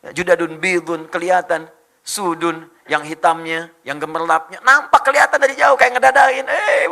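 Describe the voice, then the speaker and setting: Bright, gravelly male preacher. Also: a little high. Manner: rousing, joking preacher swinging from soft to loud. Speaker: Islamic preacher. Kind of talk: sermon.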